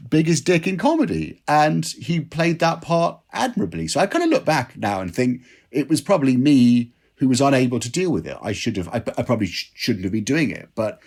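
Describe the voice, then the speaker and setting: A man's voice: medium pitch, a little mellow, breathy edge. A man, a drinks writer, telling self-deprecating anecdotes as a guest in an interview. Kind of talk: interview storytelling.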